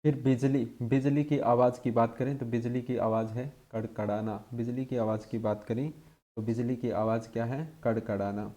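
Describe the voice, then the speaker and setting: Male tutor, mellow and dark in tone, mid pitch, quizzes himself aloud for exam drills. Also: steady tone, normal speed. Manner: drills by asking and answering his own questions. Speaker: teacher. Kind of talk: exam-prep lesson.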